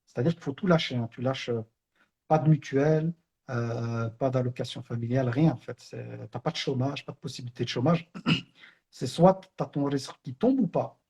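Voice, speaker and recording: A man's voice: medium pitch, normal speed, a little mellow, husky. A middle-aged man from Brussels, sharing an earnest personal spiritual reminder in a conversational storytelling way, full of fillers. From Belgium, Brussels. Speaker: online Islamic teacher.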